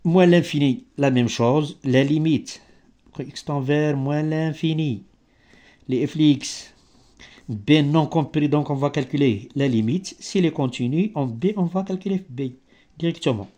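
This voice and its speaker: A male maths teacher, not a native French speaker, explaining step by step in halting, broken French with grammatical slips and searches for words. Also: on the high side, warm tone. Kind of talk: improvised maths lesson.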